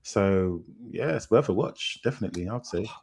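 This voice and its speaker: A man's voice: low-pitched, normal speed, darkish tone, breathy edge. A British man co-hosting a film podcast, easygoing and agreeable, often answering with "yeah" and "mm". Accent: British, London slang. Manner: laid-back, agreeable, many "mm" and "yeah" replies. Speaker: podcast co-host. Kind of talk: casual chat.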